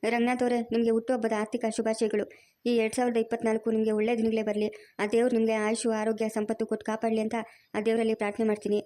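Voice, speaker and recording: Woman host, earnest, polite, mellow tone, flat delivery. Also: fairly high pitch, racing. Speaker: channel host. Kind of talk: direct address to viewers.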